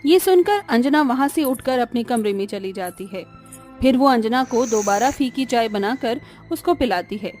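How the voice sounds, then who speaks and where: A woman reading scripted narration for a cartoon story in an even, plain manner. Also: a little high, normal speed, faint music behind.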